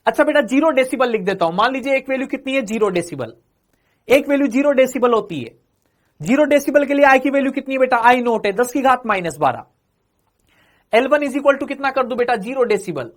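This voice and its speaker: A male physics teacher with a high voice delivers an exam-prep classroom lecture in an expressive, questioning way and at a fairly quick pace. He keeps calling his students "beta" and quizzing them with questions he answers himself, repeating each phrase several times.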